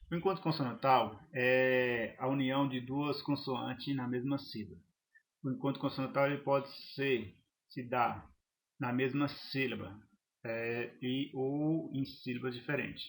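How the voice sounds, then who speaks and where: A man teaching a grammar lesson, halting and restarting phrases as he explains examples. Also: mid-range voice. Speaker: Portuguese teacher.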